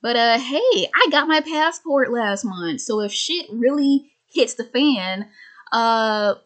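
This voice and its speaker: A woman's voice: fairly high pitch, expressive, slow pace, a bit bright. A woman of twenty-five ranting casually to camera, rambling and sardonic, with many restarts and stammers. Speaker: vlogger.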